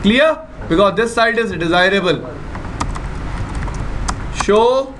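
A man's voice: high voice, lively intonation, slow pace, background noise. A man with a North Indian accent giving a classroom technical lecture, repeating questions and often checking that learners follow. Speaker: networking instructor. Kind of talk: classroom lecture with on-screen demonstration.

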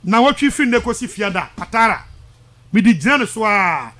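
The pitch sits high and sing-song at a normal speed, bright and forceful. It belongs to a male Ghanaian sports radio presenter in his thirties, giving heated, emphatic, repetitive commentary in more than one language. He's close to a studio microphone in a small radio studio.

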